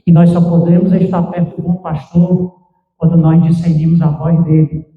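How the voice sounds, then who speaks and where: High-voiced pastor preaching in a church. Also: male voice, flat delivery, moderate pace. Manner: preaching with emphatic swings. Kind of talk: sermon. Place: church sanctuary. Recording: echoey church, distant mic, muffled.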